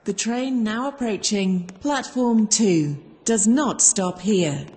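A woman's voice giving a formal, measured train station platform announcement over a loudspeaker. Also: mid-range voice. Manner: measured, formal, evenly spaced phrases. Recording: long hall reverb on loudspeaker.

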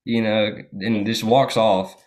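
A man's voice: fairly low pitch, takes it slowly. A young American man casually telling a story with lots of fillers. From United States. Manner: relaxed storytelling with many fillers. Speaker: guest. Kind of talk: casual chat.

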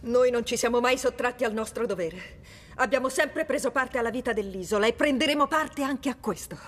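An actress as a resolute, anguished high-voiced mother. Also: a little fast, slight background noise, natural voice. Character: resolute, anguished island mother accepting a grim duty. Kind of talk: dubbed film drama acting.

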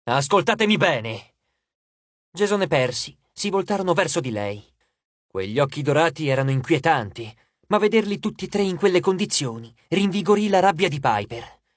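A man narrating an audiobook in a slightly high-pitched, expressive voice. His reading is steady and scripted, recorded in a very dry, close studio sound with no room echo. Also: fairly quick.

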